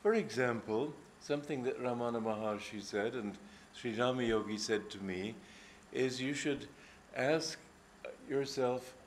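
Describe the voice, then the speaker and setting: A man's voice: mid-range voice, a little slow, a little hiss or hum. An older man, a spiritual teacher, giving an informal, reflective talk with anecdotes and frequent hesitations. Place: gathering hall.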